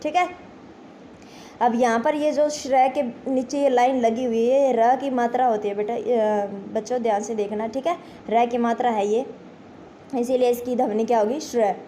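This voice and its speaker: A high-pitched woman teaches a grammar lesson to exam students. She talks to them as children, asks questions and answers them herself. Her tone is mellow, with faint noise in the background. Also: steady tone, normal speed. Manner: addresses pupils as children, repeats "ठीक है".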